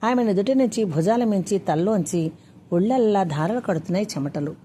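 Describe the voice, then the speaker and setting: A woman's voice: mid-range voice, lively intonation, a little fast, dark tone, slight background noise. Woman reading a story aloud. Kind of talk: scripted story narration.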